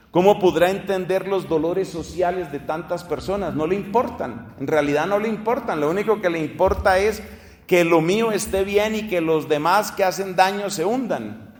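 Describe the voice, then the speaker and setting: A male preacher gives an earnest teaching sermon, asking rhetorical questions and spelling out names letter by letter. His voice sits high for a man. It rings through an echoey space with a long reverb tail. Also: darkish tone. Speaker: priest preacher.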